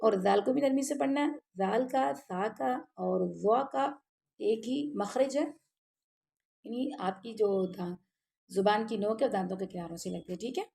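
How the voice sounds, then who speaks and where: A woman teaching tajweed, patiently explaining pronunciation step by step and then chanting the words slowly. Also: mid-range voice, vocal fry, warm tone. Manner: patient, explains step by step, often checks with "ٹھیک ہے؟"; slow drawn-out chanted recitation between plain explanation. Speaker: Quran recitation teacher. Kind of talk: tajweed lesson, explaining and reciting.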